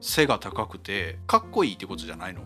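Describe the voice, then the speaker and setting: A man co-hosting a casual radio show with a Kansai accent, animated and laughing often, using lots of sound words. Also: low voice, fast, over music. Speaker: radio co-host. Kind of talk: casual chat.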